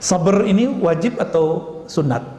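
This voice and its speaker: A man preaching a lively sermon and asking the audience questions, now and then acting out scolding voices. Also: high-pitched, a little slow. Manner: animated, acts out scolding voices, laughs. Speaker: Islamic preacher. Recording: echoey hall recording with ambience.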